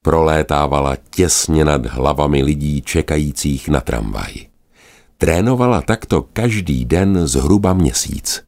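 A man narrating a children's animal story in a gentle, expressive manner. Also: very deep voice, creaky.

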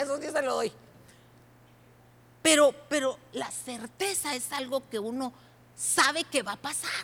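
A woman pastor delivers a sermon in a church. Her voice sits a bit high, with a bright, sharp edge and gravelly fry. She speaks animatedly, calls out to her listeners directly and now and then breaks into shouts, with faint noise in the background.

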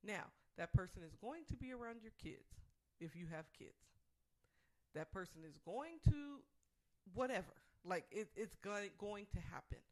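A woman's voice: medium pitch, expressive, normal speed, a little mellow. A woman co-hosting a talk show, giving casual relationship advice in an earnest, emphatic way and restating her points.

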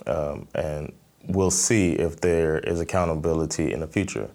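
An American man from Miami, a comedian, answering interview questions in a thoughtful, halting way with many fillers and restarts. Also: a bass voice, vocal fry, a little mellow. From Miami, Florida, USA. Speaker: stand-up comedian, interview guest.

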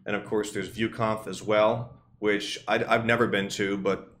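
A man's voice: fairly low pitch, level tone, a little slow, fairly bright tone, slight background noise. A man co-hosting a podcast, chatting in a jokey, colloquial and teasing way. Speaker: podcast co-host. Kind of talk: casual, joking podcast chat.

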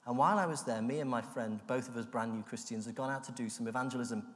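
A man from the UK giving an animated, self-deprecating personal testimony that acts out the voices in his story. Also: mid-range voice, fast. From United Kingdom. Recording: long hall reverb.

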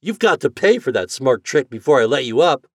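A man reading a story aloud, voicing a boisterous boy who teases his brother, in a raised, loud voice. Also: mid-range voice, big pitch swings, brisk, no echo, pitched above the performer's own voice. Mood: teasing. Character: teasing boy, playful and stubborn.

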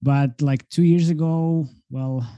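A man from Slovakia chats easily as an interview guest, filling pauses and laughing often. His voice is very dark and mellow. The sound is dry and close, as on a video call from a room at home. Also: on the high side, no room sound, lo-fi sound. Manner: relaxed, chatty, laughs often, many fillers. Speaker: guest, marketing consultant. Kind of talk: casual interview talk.

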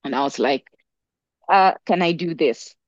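In an unhurried, low-sitting voice, a young African woman guesting on a podcast tells a story casually. She's animated and leans on fillers, frequently restarting her sentences. The recording lacks echo and sounds muffled.

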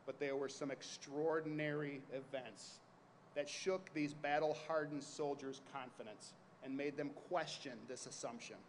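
A man's voice: on the high side, fairly even intonation, measured pace. A man preaching with passion and drama, like a lawyer giving a closing argument to a jury. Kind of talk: sermon framed as a courtroom closing argument. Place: large reverberant room, addressing a congregation. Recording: reverberant hall with some noise.

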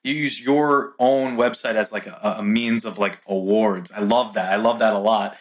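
A man's voice: fairly low pitch, steady tone, moderate pace. A man hosting a podcast interview, asking questions in an enthusiastic, friendly way. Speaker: podcast host.

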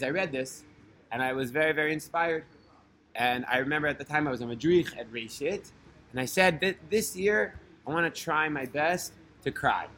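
A man's voice: a little high, fairly bright tone, a little hiss or hum. A man in his thirties, a religious teacher, telling a personal story casually with many fillers.

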